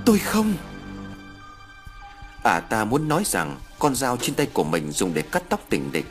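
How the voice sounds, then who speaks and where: A man narrating an audiobook story in a dramatic manner. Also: lowish voice. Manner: dramatic, swings into character voices.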